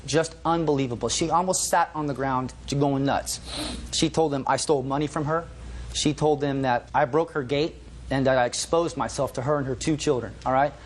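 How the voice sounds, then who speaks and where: Fast-talking man telling his side. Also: medium pitch. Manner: animated storytelling, quotes others. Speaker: plaintiff. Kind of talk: testimony in a TV courtroom. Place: TV courtroom.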